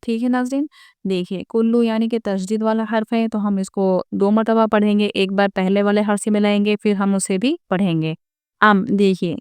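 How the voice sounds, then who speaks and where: A woman teaching Quran recitation rules in a patient, methodical lesson. Her voice is very clear and smooth, recorded close up with no room sound. She often pauses to ask her viewers rhetorical questions. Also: mid-range voice, darkish tone, no echo. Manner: patient, explains each rule and asks rhetorical questions.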